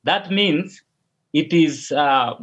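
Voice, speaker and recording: Drawing out his words, a Kenyan man answers an interviewer over a call. He is a pastor and a native Luo speaker, and he hesitates, often repeating himself and restarting words. His voice is on the high side with a fairly bright tone, and the lo-fi audio sounds dull.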